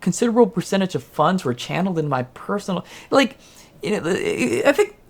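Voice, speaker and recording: A man co-hosting a casual podcast chat, telling stories in an animated, jokey way. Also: sits high, fairly quick. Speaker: podcast co-host.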